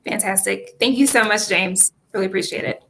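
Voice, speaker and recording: A woman's voice: mid-range voice, fairly quick, a bit bright, poor audio. A woman judge speaking politely and asking questions in a conversational style.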